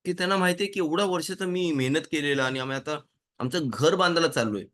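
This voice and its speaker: A rabbi giving a casual Torah lesson, telling stories and acting out little dialogues in changing voices. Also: male voice, on the high side, quick pace. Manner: animated storytelling, acts out dialogues with changing voices. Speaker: rabbi teaching a Torah class.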